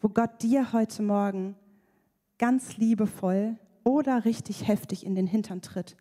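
A woman giving a lively, playful sermon, acting out voices as she preaches. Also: medium pitch, unhurried. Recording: reverberant hall.

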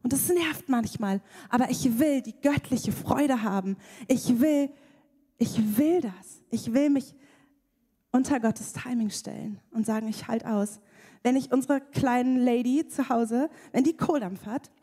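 A woman's voice: fairly high pitch, unhurried, slightly rough. Woman preaching in a reverberant hall. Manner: lively, playful preaching with acted-out voices. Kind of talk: sermon.

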